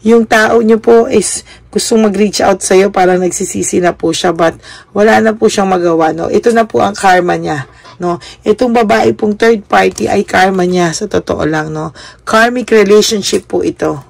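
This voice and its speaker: A woman with a gravelly, fry-tinged voice doing a tarot reading for her viewers. She speaks politely and keeps adding a questioning tag to each phrase. Her voice is close and dry, with no room echo. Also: mid-range voice, moderate pace. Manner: polite, adds "po" and a questioning "no?" after almost every phrase. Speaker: tarot card reader.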